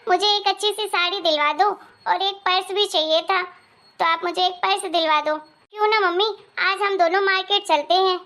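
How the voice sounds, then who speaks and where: A woman's voice: very high voice, fairly even intonation, normal speed, pushed and bright. A woman voicing a quarrelsome young married daughter who complains and scolds, in a Hindi moral story cartoon. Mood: scolding.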